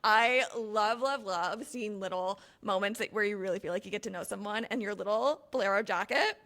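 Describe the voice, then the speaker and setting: A woman's voice: mid-range voice, a bit bright. A woman hosting an interview show, gushing and enthusiastic as she asks her guest questions. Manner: gushing, enthusiastic, quick asides. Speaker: podcast host. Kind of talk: casual interview chat.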